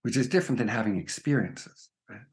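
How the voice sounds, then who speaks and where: A man's voice: lowish voice, animated, fast. A man speaking as a spiritual teacher in an interview, earnest and emphatic, often checking in with "right?". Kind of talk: reflective conversation.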